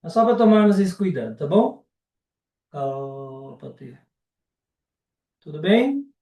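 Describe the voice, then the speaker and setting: A man with a Brazilian Portuguese accent teaching a live online class, unhurried and often ending sentences with a checking question. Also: high-pitched, very animated, mellow, recorded from a distance. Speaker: Sanskrit teacher. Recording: roomy and off-mic.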